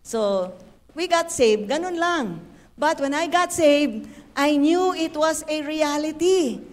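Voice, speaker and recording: A woman, giving a lively, playful church testimony. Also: sits high, takes it slowly, big-room sound. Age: 70s. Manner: animated, playful storytelling with acted dialogue. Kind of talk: sermon testimony.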